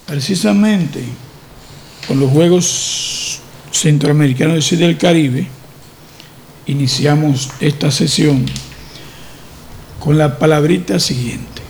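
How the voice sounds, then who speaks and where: A man with a Dominican accent hosting a sports segment on a talk show, animated and repeating phrases for emphasis. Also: on the high side, slow pace, vocal fry, long pauses, slight background noise. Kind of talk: radio talk show chat.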